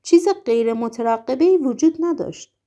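A woman's voice: medium pitch, animated, mellow. A woman voicing a curt, offhand male gunman in a storybook reading.

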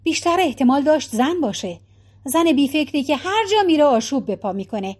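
A woman narrating a novel as an audiobook, reading in an even, measured way. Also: high-pitched. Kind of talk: scripted narration.

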